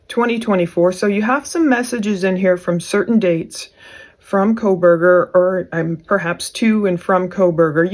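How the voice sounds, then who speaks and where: A woman's voice: medium pitch, a little mellow. Woman giving casual true crime commentary. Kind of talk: casual commentary on case documents.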